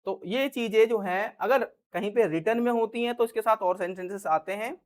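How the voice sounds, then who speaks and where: Speaking at a moderate pace in a high voice, a male English teacher chats through a relaxed Hindi grammar lesson as though talking straight to his students. He often drops in "ठीक है" as a check-in and performs example sentences in shifting tones to show how delivery changes meaning.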